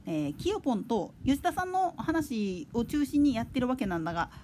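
A woman hosts her own talk radio show alone, her voice high and her pitch swinging up and down. She rambles from point to point in a loose, conversational way, with a faint hiss under the recording. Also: sing-song, a little fast. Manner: chatty, digressive, with soft laughs. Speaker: podcast host. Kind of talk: casual solo chat radio.

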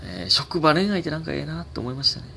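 Chatty Kansai man with a lively voice. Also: on the high side, racing, gravelly, a little hiss or hum. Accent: Kansai Japanese. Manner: rambling, chatty, many fillers, swings up in excitement. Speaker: podcast host. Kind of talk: casual solo talk and letter reading.

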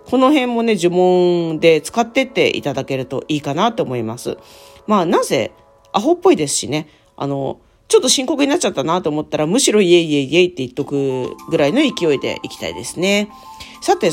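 A spiritual podcast host talking casually in a playful, upbeat way, now and then chanting cheerful refrains. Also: mid-range voice.

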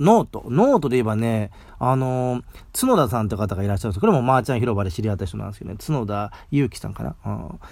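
A man from Mie hosting a casual solo talk show outdoors, chatting in a rambling way and tagging his sentences with a soft "ne". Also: lowish voice, gravelly, no room sound. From Mie, Japan. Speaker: podcast host.

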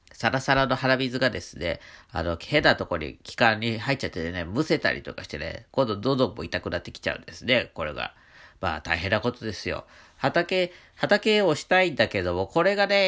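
Low-pitched man with a stuffy nose, lively intonation. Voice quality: congested, nasal voice from allergies. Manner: chatty, halting, with frequent trailing sentence particles. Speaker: radio talk host, painter. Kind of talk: casual solo radio monologue.

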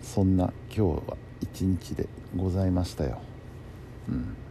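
Alone on his bedtime talk show, this host muses to himself in a casual, polite, conversational manner. He has a deep voice with a dark tone and speaks at a normal speed, with faint noise in the background.

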